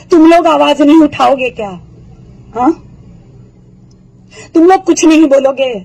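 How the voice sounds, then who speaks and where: A hoarse woman with a sore throat delivering a furious political video rant, taunting her targets with rapid-fire rhetorical questions. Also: high voice, a little mellow, low-quality recording.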